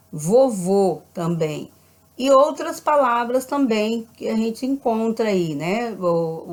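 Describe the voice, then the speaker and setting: A woman with a Brazilian Portuguese accent, a primary school teacher patiently explaining a grammar lesson, often checking in with "né?". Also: medium pitch. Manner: patient, repeats with frequent "né?" checks.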